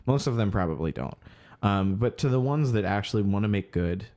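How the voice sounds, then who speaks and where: With a fairly low, a little mellow voice, this man sounds animated and talks a little fast. He's a co-host on a casual podcast reading the music news, hesitating with plenty of ums and drifting off mid-sentence while searching for the right words.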